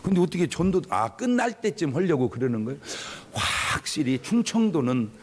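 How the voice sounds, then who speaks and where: A man preaching a sermon as a pastor, humorous and animated, calling out to his congregation in a church sanctuary. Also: fairly high pitch, normal speed, a little hiss or hum. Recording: long reverb of a large church hall.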